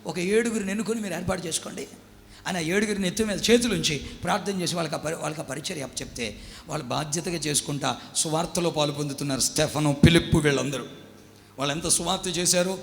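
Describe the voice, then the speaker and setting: Male pastor, high and insistent, call-and-response sermon, live church reverb. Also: gravelly, a bit bright. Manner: emphatic preaching with call-and-response to the congregation. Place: church hall. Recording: long hall reverb.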